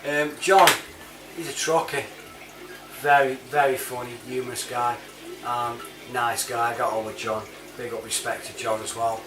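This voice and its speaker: An online reviewer who uses a CB chat app, this British man speaks at normal speed and medium pitch, his voice barely moving in pitch. His monologue is casual and rambling, chatty and matey, full of informal slang. A distant mic in a roomy room picks up clear background noise.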